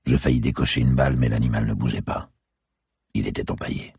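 A man reads a dark crime thriller in the first person at a measured, descriptive pace. His voice is extremely deep and gravelly, with a strongly husky texture. It is recorded close and dry, with no room sound. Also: steady tone, dry recording. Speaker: audiobook narrator.

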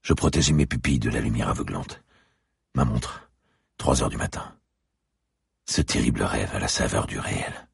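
Very deep gravelly male narrator. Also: no room sound, clean studio sound. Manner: slow, brooding delivery, rises sharply in his spoken lines. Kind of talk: first-person audiobook narration.

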